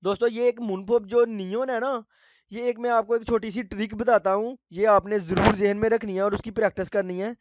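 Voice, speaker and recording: A man teaching a language lesson to viewers, calling them friends and repeating words slowly. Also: sits high, steady tone, no room sound, muffled recording.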